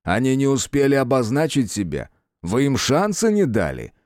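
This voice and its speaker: Man voicing a calm commanding official. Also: medium pitch, dry recording, clean studio sound, lightly acted. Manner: level, measured, authoritative.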